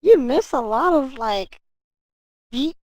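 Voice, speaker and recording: Woman streamer, high lively voice, swears freely, chats with viewers, dry close sound. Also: takes it slowly, no echo, poor audio. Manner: animated, profane ranting; talks straight to chat. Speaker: livestreamer. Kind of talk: casual livestream chat.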